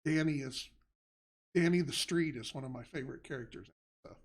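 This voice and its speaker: A man's voice: medium pitch, fairly quick. A man hosting a casual live stream, rambling through answers with restarts and fillers. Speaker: game company head and show host. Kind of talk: casual livestream chat.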